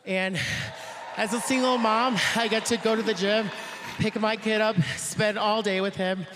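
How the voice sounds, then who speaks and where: A woman's voice: mid-range voice, steady tone, measured pace, noisy background. A breathless female strength athlete answering interview questions candidly.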